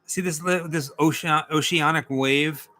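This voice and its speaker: A man's voice: a little high, steady tone, a little slow, pushed and bright. A man in his forties co-hosting a livestream, joking casually and thanking viewers. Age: 40s. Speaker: co-host of a horror watch-party stream.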